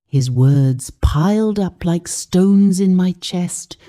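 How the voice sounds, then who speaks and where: A woman reads a dramatic first-person story aloud, slow and hushed. Her voice is very dark and mellow, lowish in pitch, yet rises and falls expressively. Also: animated. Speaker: narrator. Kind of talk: scripted storybook narration.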